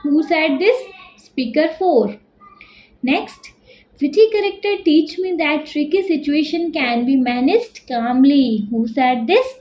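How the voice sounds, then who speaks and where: A woman with an Indian accent teaching a school lesson, reading English slowly and explaining quickly in Hindi. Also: high voice, roomy sound, dull audio.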